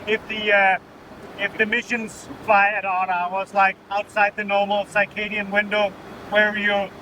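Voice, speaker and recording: A man with a Danish accent speaks in a high-pitched voice over a clear aircraft drone. He explains technical things informally and plainly, like a working pilot being interviewed in flight. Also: completely flat delivery, unhurried. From Denmark. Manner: matter-of-fact, often adding "right?" as a tag. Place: inside an aircraft cockpit in flight. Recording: loud vehicle drone behind the voice. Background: aircraft engine and air noise.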